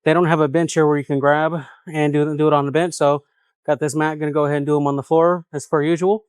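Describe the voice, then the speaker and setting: A man vlogging his gym workout, explaining each exercise in a relaxed way and out of breath between sets. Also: fairly high pitch, quick pace, smooth, dry recording. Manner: relaxed, explaining exercises while doing them. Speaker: fitness vlogger. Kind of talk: casual workout vlog.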